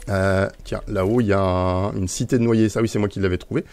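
Soft music plays behind a Minecraft streamer whose voice is on the low side, brisk, a little mellow, and fairly even in intonation. He talks loosely as he plays, peppering his rambling with "euh" and chuckles.

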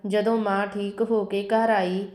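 A woman narrating a scripted family story in an even, measured reading. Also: mid-range voice.

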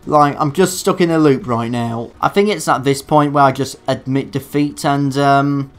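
A man commentating his own gameplay in a dark room, swearing at his failures and making sarcastic, self-mocking asides. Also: mid-range voice, fairly even intonation, normal speed. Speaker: let's play gamer. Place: dark room alone at a computer.

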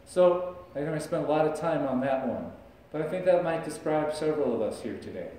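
A man's voice: fairly high pitch, animated, fairly quick, dark tone, recorded from a distance. A middle-aged man preaching a sermon as pastor, talking in a conversational way and gesturing as he speaks. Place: church sanctuary, large indoor room. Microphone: far camera, no visible mic. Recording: echoey church recorded from afar.

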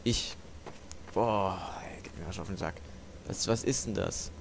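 A man's voice: low voice, unhurried, creaky, slight background noise. A young man giving casual, frustrated commentary while he plays, swearing often. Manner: swears a lot, frustrated, rambling. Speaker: let's play gamer. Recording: gunfire from the game loud behind.

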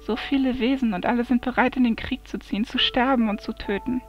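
A grumbling male raven in human form, loyal to his mistress but quick to mutter complaints, read out by a woman. The voice sits fairly high. It comes through a dull, lo-fi recording with faint music behind it. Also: fairly even intonation, lightly acted. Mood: bitter. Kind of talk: amateur fantasy audiobook reading.

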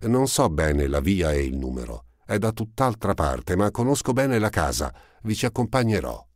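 A man's voice: very animated, normal speed, a little mellow, dry recording, clean studio sound. A man voicing a ragged chattering street girl. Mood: coaxing. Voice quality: raised, girlish pitch. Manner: eager, rambling, pleading.

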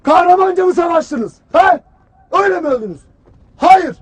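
An actor playing a stern, harsh army commander who berates his soldiers in a cold, clipped, shouted delivery. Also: extremely high pitch, expressive, normal speed. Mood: lecturing. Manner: cold, relentless, clipped questioning. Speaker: military commander. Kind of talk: film drama acting.

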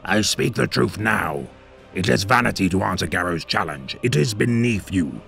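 A man's voice: lowish voice, expressive, moderate pace, fairly bright tone, soft background music, heavily acted. A man doing a gurgling, scheming war captain. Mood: earnest. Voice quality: gurgling, husky. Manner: sly, insinuating. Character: scheming diseased male war captain, sly and ambitious. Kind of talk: audiobook character voice.

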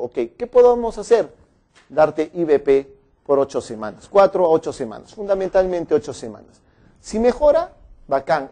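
Brisk man teaching a medical lecture. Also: fairly high pitch, warm tone. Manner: brisk, chatty, quizzes students by name and scolds them with humor. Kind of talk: online medical exam-prep lecture.

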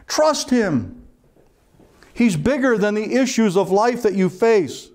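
High-voiced preaching pastor, man. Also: animated, slow, a little mellow. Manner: earnest preaching with rhetorical questions. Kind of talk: sermon.

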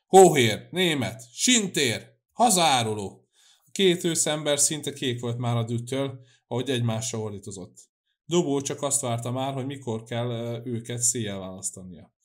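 A man narrating a classic novel in a steady, measured reading voice. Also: mid-range voice. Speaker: audiobook narrator. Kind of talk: scripted narration.

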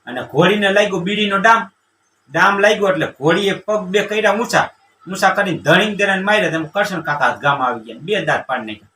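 A man, telling a comic village tale in a folksy, animated way and acting out the people in it. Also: high-pitched, brisk, slight background noise. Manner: animated, acts out quoted villagers. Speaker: comedian telling jokes. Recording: roomy, distant mic with faint ambience.

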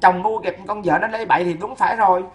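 A woman delivers a long, furious scolding rant. She fires off insults at a rapid clip, in a fierce, sing-song rhythm. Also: medium pitch, a little mellow. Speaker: woman ranting at a neighbor. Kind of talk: ranting scolding monologue.

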